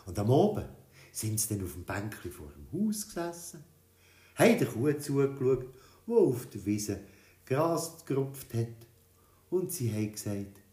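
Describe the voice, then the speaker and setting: A man reading a children's story, in a lively, expressive telling. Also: mid-range voice, measured pace. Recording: roomy echo.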